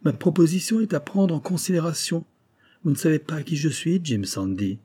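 A man voicing a proud doctor in a storybook reading, speaking in a raised, insistent register. He lectures with swelling emphasis and thinly veiled threat. The tone stays mellow and slightly husky underneath. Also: a little high, very animated, moderate pace, voice pushed up. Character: proud, threatening Japanese male doctor, middle-aged.

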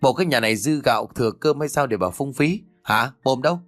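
A man voicing a cruel middle-aged daughter-in-law who scolds harshly and fast, in a lively reading. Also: mid-range voice, no room sound, faint music behind, close to an everyday voice. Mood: berating.

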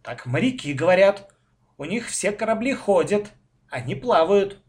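A man's voice: high voice, sing-song, moderate pace, voice pushed up. A man voicing a bossy little girl who grumbles, in a children's storybook reading.

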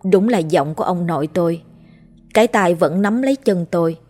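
A woman narrating a scripted horror story at a measured, even storytelling pace. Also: on the low side. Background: faint background music.

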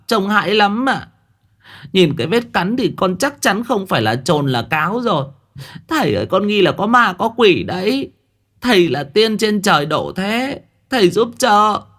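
A man voicing a fawning village woman who begs a sorcerer for help, in a high squeaky wail. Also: big pitch swings, normal speed, a bit bright, full character voice. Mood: pleading.

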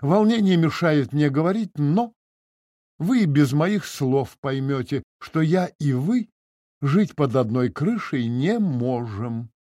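A man's voice: fairly high pitch, animated, takes it slowly, dark tone, no room sound, clean studio sound. A man reading the part of an aggrieved middle-aged notary, speaking formally and with agitation. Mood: agitated, indignant. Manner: formal, stiffly polite, agitated. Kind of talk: audiobook character reading.

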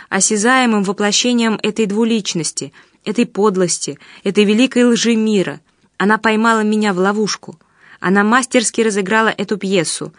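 A woman's voice: mid-range voice, no room sound, natural voice. Woman reading an angry resentful guy in an audiobook, heated and accusing, dry close sound. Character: bitter, resentful man ranting about his lover.

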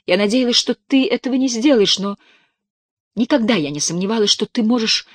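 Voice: medium pitch, a little fast, no echo, voice pushed up, natural voice. A reader voicing a remorseful, pleading young woman in a dramatic audiobook reading, tearful and imploring. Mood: imploring, despairing.

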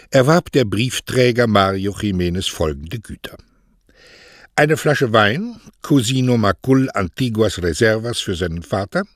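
A male audiobook narrator reads in a calm, measured storytelling manner. His voice sits low. The recording is dry and close, with no room sound. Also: no echo. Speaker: audiobook reader. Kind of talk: scripted narration.

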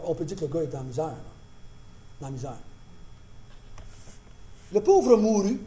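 A man's voice: a little high, warm tone, slight background noise. A male preacher giving a conversational sermon with emphatic repetition.

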